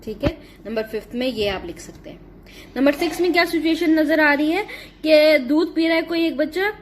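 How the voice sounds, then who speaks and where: A woman teaches a school English lesson, mixing explanations with slow, deliberate readings of sentences. Her voice sits fairly high. A faint noise runs under the recording.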